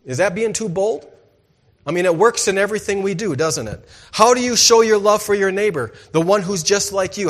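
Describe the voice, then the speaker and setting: Standing before his church, a male pastor delivers a sermon full of rhetorical questions and calls for "amen". His delivery alternates between booming, emphatic statements and soft, low asides.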